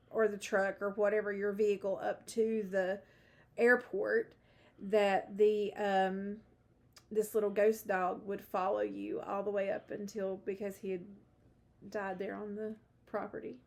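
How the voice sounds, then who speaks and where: A woman's voice: medium pitch, vocal fry. A woman with a Southern US accent co-hosting a podcast, telling local stories in a rambling, giggly way. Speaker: podcast co-host. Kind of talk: casual storytelling chat.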